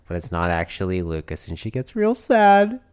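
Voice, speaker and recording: A man's voice: sits low, moderate pace, smooth. A man co-hosting a podcast, swearing often and joking in casual chat. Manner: profane, joking, animated. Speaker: podcast co-host.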